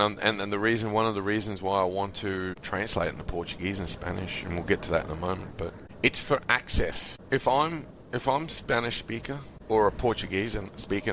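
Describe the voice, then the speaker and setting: An Australian man with a low-pitched voice rambles through casual podcast talk, restarting sentences and swearing offhandedly. A faint background hiss sits under the recording. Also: a bit bright, poor audio. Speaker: podcast host. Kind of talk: casual conversation.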